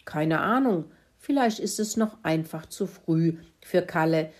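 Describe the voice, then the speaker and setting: A woman voicing a small, thoughtful boy mouse in a children's story, husky voice. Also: lively intonation, a little slow, a little mellow. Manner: squeaky, thoughtful.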